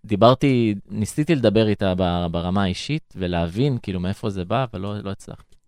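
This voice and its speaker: A man's voice: fairly low pitch, a little mellow, clean tone, dry recording, clean studio sound. A young man with an Israeli accent, reflectively and earnestly telling his experiences as an interview guest. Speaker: interview guest, former emissary abroad. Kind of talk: conversational interview storytelling.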